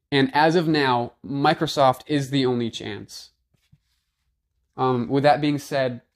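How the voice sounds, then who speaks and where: A man recorded on a phone's built-in microphone, giving a fired-up, blunt off-the-cuff rant as a gaming video maker and repeating himself. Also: mid-range voice.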